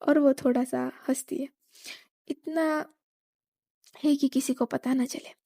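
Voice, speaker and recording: A woman's voice: high voice, fairly even intonation, slow, vocal fry, mellow, dry recording, clean studio sound. A woman narrating a scripted story plainly and evenly.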